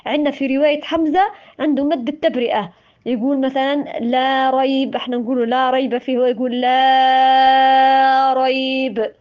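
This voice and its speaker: A Tunisian-accented woman gives an informal religious talk in a high, quick voice. She is impassioned and scolding, and she keeps repeating her words. The recording is dull and lo-fi. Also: fairly even intonation. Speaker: religious speaker.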